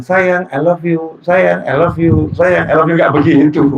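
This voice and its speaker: A man preaching a religious sermon to a gathering, animated, swinging between soft and loud delivery with playful asides. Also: a little high, dull audio. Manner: acts out quoted lines in dramatized voices.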